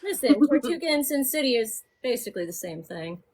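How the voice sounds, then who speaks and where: A woman's voice: high-pitched, big pitch swings, brisk, a little mellow. A woman making wry, teasing remarks in pirate banter on a group voice call.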